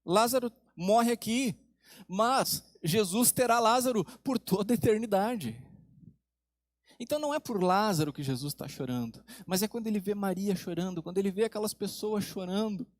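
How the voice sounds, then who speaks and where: A man preaching a sermon as pastor, with dramatic pauses, dropping low and soft for emphasis and asking the congregation questions. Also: lively intonation, no room sound.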